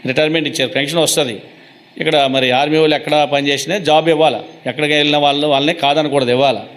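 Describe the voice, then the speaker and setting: A male pastor preaches to his congregation in a high voice. He puts questions to his listeners and answers them himself. He slips into different voices to act out the people in the story. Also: steady tone, rapid-fire, fairly bright tone. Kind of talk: sermon.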